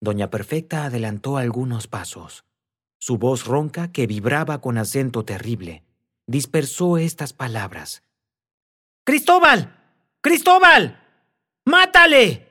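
Slow expressive male audiobook narrator. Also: medium pitch, husky. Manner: slow, expressive dramatic reading. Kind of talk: audiobook narration of a classic novel.

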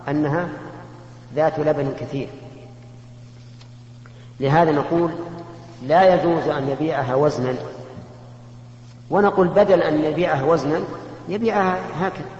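Scholar in an echoey hall. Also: male voice, fairly high pitch, darkish tone. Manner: measured, explanatory, asks rhetorical questions. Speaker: religious scholar answering questions. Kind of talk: scholarly Q&A answer. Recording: echoey hall, muffled lo-fi tape with faint hum.

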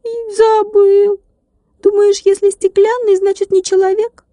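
Brief: tiny glass drummer with a high ringing, huffy voice, clipped and offended, read by a woman, storybook figure, dry sound. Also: flat delivery, measured pace, warm tone, dry recording. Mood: indignant. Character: tiny touchy glass drummer, male, indignant.

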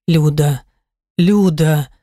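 A tough, protective husband speaks low and tender, as a woman narrator acts him out in an audiobook. His lines stay restrained and quiet. The recording is dry and close. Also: drawn-out words, no echo.

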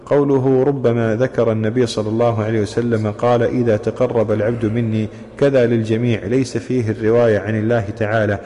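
A man reading a classical commentary aloud in a mosque, with steady recitation. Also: on the low side, quick pace, slight background noise. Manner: steady recitation of quoted chains. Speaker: student reading the text aloud. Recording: long reverb from mosque hall.

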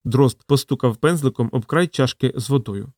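This audiobook narration comes from a man with a medium-pitched voice, reading steadily and with measured pacing. It's recorded to studio quality, free of any room sound.

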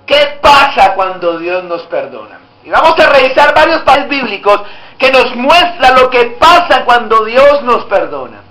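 A man's voice: very high-pitched, big pitch swings, measured pace, sharp tone. A man preaching a sermon as pastor, emphatic and often asking the congregation rhetorical questions. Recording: echoey room.

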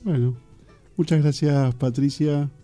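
A man hosting a community radio show, chatting in a relaxed, hesitant way on a studio microphone. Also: fairly high pitch, slow pace, faint music behind. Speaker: radio host. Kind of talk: casual radio chat.

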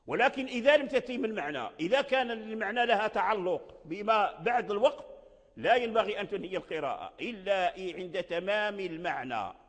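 A man giving a spoken lesson on the rules of Quran recitation. He halts and repeats words as he explains, and slows down to spell out examples. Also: high voice, lively intonation. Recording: long reverb of a hall.

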